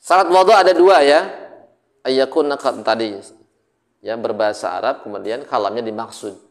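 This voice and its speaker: A man with an Indonesian accent teaches Arabic grammar in a relaxed classroom style. He jokes along the way and keeps checking with his students through questions. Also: medium pitch, normal speed. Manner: jokey, asks students questions often. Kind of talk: casual classroom lesson.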